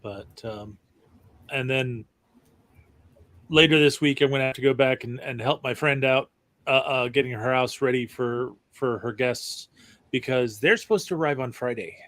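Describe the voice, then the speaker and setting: A middle-aged man co-hosting a casual stream, talking haltingly with many ums and dry jokes. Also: medium pitch, a bit bright, dry recording. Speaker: co-host. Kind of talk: casual chat.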